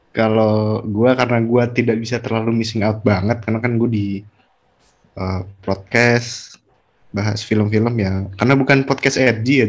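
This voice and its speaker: A man talking as a guest on a casual podcast, easygoing and thinking aloud with fillers. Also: fairly low pitch.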